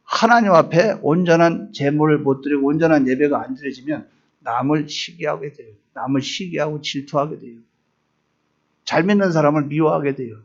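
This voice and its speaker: A man's voice: a little high, moderate pace, muffled recording. A man preaching a midweek evening sermon as pastor, rising into emphatic voiced quotes.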